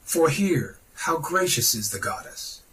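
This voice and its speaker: On a podcast, a man gives a solemn, oratorical reading of a scripted religious text, declamatory and reverent with emphatic phrasing. His voice is a little high, expressive, and a bit bright, he reads a little slowly, and he sounds far from the mic.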